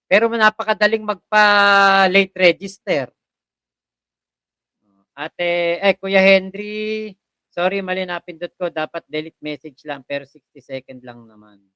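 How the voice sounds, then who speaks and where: A chatty livestream host who reads out viewer comments, greets them one by one by name, and laughs often. The voice is bright and smooth. It sits very dry and close to the mic. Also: mid-range voice, unhurried, long pauses, dry recording. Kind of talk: casual livestream chat.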